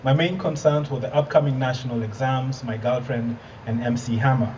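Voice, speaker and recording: A man's voice: medium pitch, steady tone, normal speed. A man in his thirties from Kenya, giving an earnest live presentation to an audience with light humor and some fillers. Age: 30s. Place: event hall with audience. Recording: distant muffled hall recording with faint noise.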